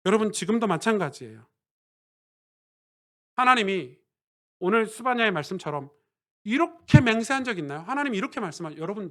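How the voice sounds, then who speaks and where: Male pastor, high-pitched, conversational sermon delivery with sudden emphatic swells. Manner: swings from quiet asides to loud emphatic preaching; conversational, asks the congregation questions.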